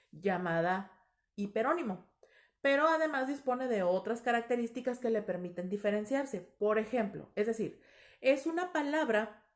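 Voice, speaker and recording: Woman explaining a lesson. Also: fairly high pitch. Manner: explanatory, with many fillers and self-corrections. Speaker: Spanish language teacher. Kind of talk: recorded lesson.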